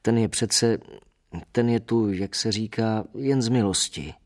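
A man voicing a troubled young male seminarian who speaks haltingly and reluctantly, as if every word is a burden. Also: fairly low pitch, darkish tone, lightly acted.

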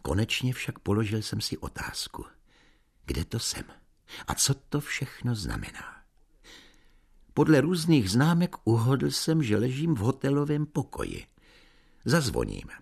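A man's voice: mid-range voice, huge pitch swings, creaky, long pauses, husky. A man narrating a comic story in the first person, with a dreamy, theatrical manner. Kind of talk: audiobook reading of a comic story.

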